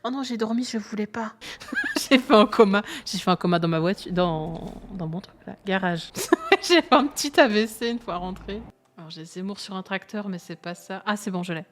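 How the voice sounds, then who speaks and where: A woman with a Belgian French accent commentates her gameplay live, talking straight to her viewers. She chats easily and laughs often between remarks. Her voice sits at a middle pitch. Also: sing-song, normal speed, slight background noise. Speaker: streamer.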